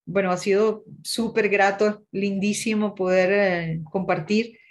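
A woman's voice: mid-range voice, fairly even intonation. A woman from Ecuador, a musician and music teacher chatting as an interview guest and often tagging "¿no?". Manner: chatty, adds "¿no?" often and spells things out slowly. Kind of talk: casual interview chat.

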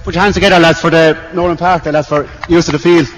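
A young Irish man, a team captain, giving a halting off-the-cuff victory speech, saying "lads" constantly. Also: on the high side, fairly even intonation. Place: outdoor sports ground. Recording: public address echo, faint background noise.

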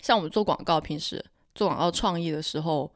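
Calm, composed woman with a lowish voice. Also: a little fast, no echo, clean studio sound. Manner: calm, composed, rational-sounding, cool. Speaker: podcast co-host. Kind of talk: casual reflective chat.

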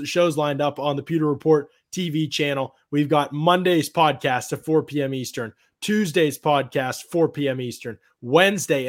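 A man's voice: on the high side, no room sound, studio quality. Man podcast host with a cracking voice. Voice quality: cracking, strained voice. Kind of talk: casual sports podcast talk.

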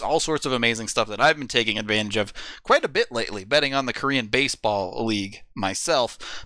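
A man podcast host reading a fast legal disclaimer at the end of an ad, rattling through the terms almost in one breath. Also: mid-range voice, sharp tone, clear, resonant tone, no room sound.

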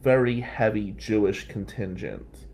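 A middle-aged man from New Jersey tells a long personal story on a live stream, drifting into tangents as he goes. His voice sits fairly low and has a gravelly, fry-laden edge. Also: unhurried, darkish tone, a little hiss or hum. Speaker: host.

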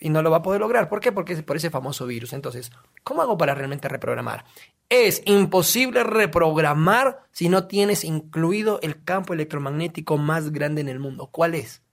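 A man's voice: on the high side, lively intonation, normal speed, creaky. A man, a guest in a casual podcast, explaining emphatically and asking himself questions he then answers.

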